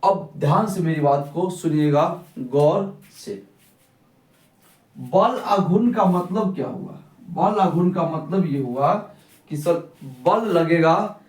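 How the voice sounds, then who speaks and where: Captured by a far-off mic in a reverberant room, a young man leads a physics lesson in a fairly high, darkish voice. He keeps asking questions only to answer them himself.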